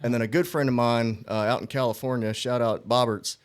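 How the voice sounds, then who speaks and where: Casting: easygoing male guest from North Carolina, storyteller, mid-pitched voice. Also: fairly even intonation, fairly quick, smooth. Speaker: guest musician. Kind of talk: casual chat.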